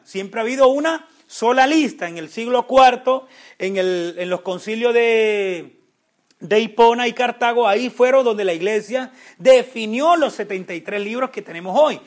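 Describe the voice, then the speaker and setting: High-voiced man teaching a Bible class. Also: moderate pace. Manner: asks questions then answers them; restarts words often, animated.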